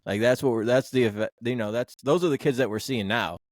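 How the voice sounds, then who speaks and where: A man's voice: medium pitch, a little fast, dry recording, studio quality. A man hosting a casual sports podcast, talking bluntly and rambling, with the odd swear word. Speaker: podcast host.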